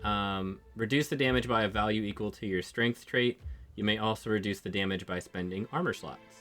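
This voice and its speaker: A man with a lowish voice talks through his character choices for a tabletop game. He is hesitant, says um a lot, and throws in jokes. Music plays clearly underneath. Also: a little fast, a bit bright. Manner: hesitant, lots of ums, joking. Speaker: player. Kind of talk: casual chat during a game session.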